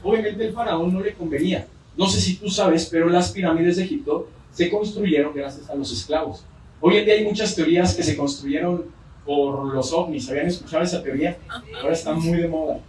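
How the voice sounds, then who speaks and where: A man with a Mexican accent preaches a sermon in a church, telling a story sprinkled with joking asides. His voice is a little high and darkish in tone, and he talks a little fast. It was recorded from far off in a roomy church hall, with slight background noise.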